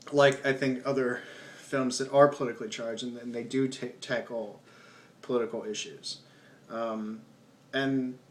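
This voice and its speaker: Rambling man talking about films. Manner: rambling, with many restarts and ums; drops to low mumbles at the ends of phrases. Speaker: film review vlogger. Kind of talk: casual spoken film commentary.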